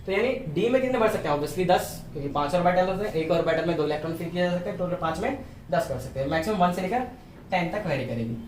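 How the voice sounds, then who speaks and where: High-pitched male teacher, patient step-by-step lecturing, recorded in a roomy space with a faint hum and the mic some way off. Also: animated, racing. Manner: explains step by step, keeps checking with "theek hai". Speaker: chemistry teacher. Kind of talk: classroom lecture. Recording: echoey room, mic at a distance.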